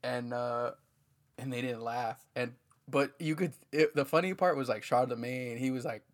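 A man co-hosting a podcast in laid-back casual chat, often trailing off into quieter asides. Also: mid-range voice, normal speed.

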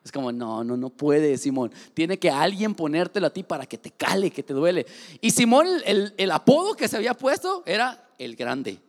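Mexican man, thirties, high-pitched voice, joking sermon full of acted-out voices, long church reverb. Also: big pitch swings, normal speed. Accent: Mexican Spanish. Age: 30s. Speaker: preacher. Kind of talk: lively sermon. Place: large church hall.

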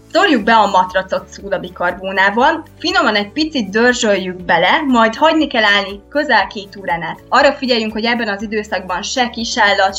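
A woman answering interview questions as a sleep expert, calmly explaining and giving practical tips. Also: medium pitch. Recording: dull lo-fi sound with faint music.

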